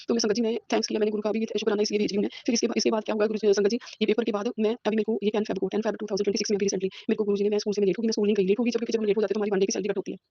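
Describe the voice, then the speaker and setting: A woman's voice: mid-range voice, mellow, dry recording, muffled recording. A woman, a school teacher giving an earnest devotional testimony. She repeats herself often and mixes English words into her speech, recorded on a phone at home. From Punjab, India. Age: 50s. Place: a room at home.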